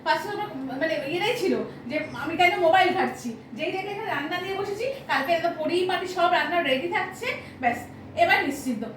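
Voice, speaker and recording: Fast, high-pitched West Bengal woman. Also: fairly bright tone, a little hiss or hum. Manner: rapid complaining talk with many fillers. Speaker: vlogger and homemaker. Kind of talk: casual domestic argument. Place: home kitchen. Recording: roomy and distant.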